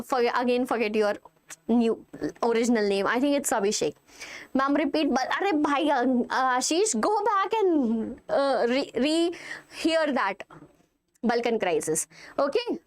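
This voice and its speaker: High-pitched North Indian woman teaching. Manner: emphatic, instructive, repeats key points. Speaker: online class teacher. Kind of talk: live exam revision lesson, addressing students directly.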